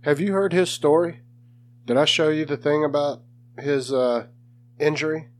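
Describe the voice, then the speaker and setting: A man's voice: fairly high pitch, steady tone, normal speed, a little hiss or hum. A man co-hosting a podcast, chatting casually, blunt and swearing freely. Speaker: podcast co-host. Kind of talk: casual chat.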